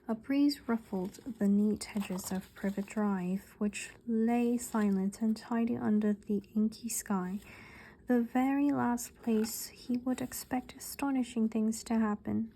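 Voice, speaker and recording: A woman reading a story aloud in a put-on British accent, with Korean as her first language, in a soft, half-whispered ASMR style. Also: fairly high pitch, steady tone, slow pace, slight background noise, low-quality recording. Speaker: ASMR reader.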